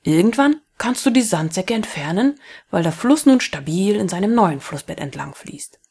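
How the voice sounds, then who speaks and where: A patient geography teacher from a storybook, read by a woman in a calm, firm explaining voice. The tone stays breathy. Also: mid-range voice, normal speed.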